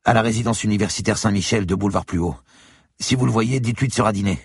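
A man voicing an evasive young male student who answers police questions in an offhand, defensive way, with a husky voice. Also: lowish voice, fast, dry recording, studio quality, voice pushed up.

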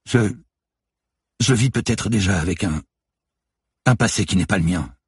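Male narrator doing a weeping young woman, high and husky, dry booth. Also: animated, a little slow, no echo, full character voice. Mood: shaken. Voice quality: tearful, wailing. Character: distraught young woman, sobbing, desperate.

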